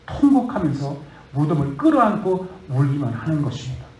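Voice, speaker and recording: This pastor has a slightly high, sing-song voice and speaks a little fast. In the echoing space of a church hall, he moves from storytelling into an increasingly fervent, urgent appeal to his listeners.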